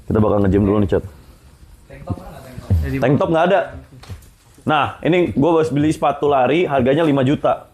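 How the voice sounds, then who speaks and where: A man's voice: mid-range voice, moderate pace, pauses often, a little mellow. A young man hosting a casual live stream, joking around and talking to his chat. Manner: joking, brash, often talks to chat.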